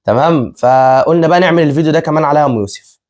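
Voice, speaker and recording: His voice is fairly high and a little mellow, and he races through his words. He's a family vlog co-host in his twenties with an Egyptian Arabic accent, chatting casually with viewers, frequently laughing and repeating himself.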